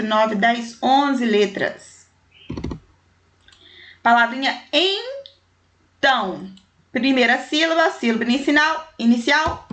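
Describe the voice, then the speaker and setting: A woman's voice: fairly high pitch, a bit bright, slight background noise. A woman teacher, taking young pupils through a primary school language exercise and counting syllables and letters aloud with affectionate diminutives.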